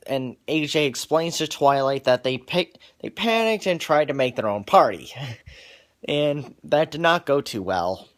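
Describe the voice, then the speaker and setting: A man's voice: fairly high pitch, expressive, measured pace. A man casually recapping a cartoon episode for viewers, stumbling through restarts and repeated words as he goes. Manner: wears glasses on camera.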